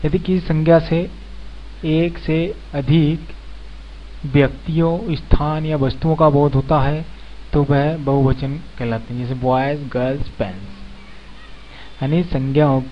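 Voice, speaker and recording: A man's voice: on the high side, fairly even intonation, unhurried. A man teaching a beginner English grammar lesson, explaining each point step by step and repeating example words. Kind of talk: slow spoken grammar lesson. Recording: dull lo-fi recording with faint background noise.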